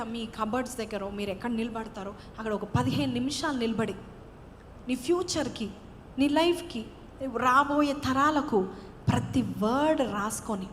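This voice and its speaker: A woman pastor preaches with a fairly high voice, dropping English phrases in among her lines and climbing to loud, ringing declarations. A long reverb from the hall trails her words, over a faint background hiss. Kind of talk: sermon.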